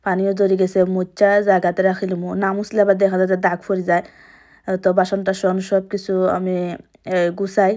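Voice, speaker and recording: A woman's voice: medium pitch, a little mellow. A young woman with a Sylheti accent, chatting casually through a home vlog in her kitchen. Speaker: vlogger.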